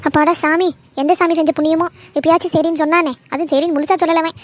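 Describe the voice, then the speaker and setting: A woman's voice: extremely high pitch, level tone, no echo. A woman voicing a fussy middle-aged mother of four sons in a cartoon, talking in a scolding, nagging way. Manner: scolding, nagging, rapid-fire. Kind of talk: cartoon voice acting.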